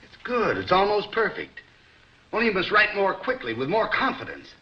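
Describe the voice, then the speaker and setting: An actor playing a scheming crook who smoothly coaches a forger, in a 1940s film serial. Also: male voice, sits high, sing-song, normal speed. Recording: dull 1940s film soundtrack with music.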